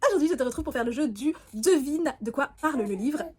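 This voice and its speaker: A woman's voice: sits high, animated, fast talker, a little mellow. A young woman in casual chat to her viewers, playful and giggly, making things up as she goes. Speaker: booktuber.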